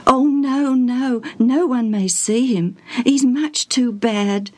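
A woman voicing a tearful, devoted elderly female servant who speaks high and quavering, close to sobs. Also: takes it slowly, no echo. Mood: flustered.

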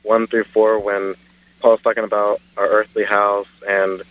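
A man's voice: fairly low pitch, little pitch movement, unhurried, a bit bright, dry recording. Hesitant male radio caller on a phone line. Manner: hesitant, searching for words with many fillers. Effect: caller heard over a phone line.

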